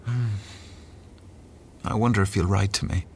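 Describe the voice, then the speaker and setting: An actor playing a suave, sly fae noble and courtly emissary, with a flippant, theatrical manner, in an audio drama. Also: male voice, fairly low pitch, steady tone, a little slow, a little mellow, slightly rough. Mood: wry, idle. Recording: music behind the voice.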